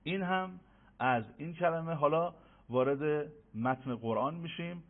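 A man teaching Quran recitation in an online lesson, slowly drilling letter sounds for listeners to repeat. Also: a little high. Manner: slow, emphatic drilling of sounds for repetition. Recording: tinny phone-like audio.

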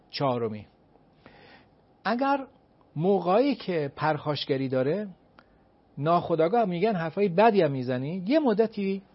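A man's voice: on the high side, slightly rough. Emphatic man giving advice, lo-fi. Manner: emphatic, asks and answers his own rhetorical questions; counts off points one by one. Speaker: advice-giving expert guest. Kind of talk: explanatory advice talk. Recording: dull lo-fi recording.

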